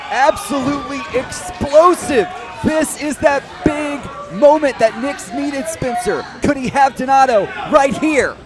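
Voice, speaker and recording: A man giving excited pro wrestling commentary at a live event, dramatic and emphatic, often shouting. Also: extremely high pitch, a little slow, few pauses. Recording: loud crowd and music behind. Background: live event crowd and music.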